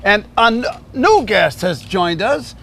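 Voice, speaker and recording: A man hosting a casual talk show interview, chatty and halting, often pausing on filler sounds. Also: high voice, very animated, gravelly, a bit bright, slightly rough.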